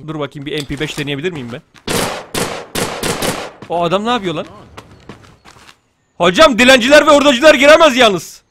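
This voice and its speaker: A young man giving casual, jokey gameplay commentary, excitable and quick to shout. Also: very high voice, a little hiss or hum. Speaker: gaming YouTuber.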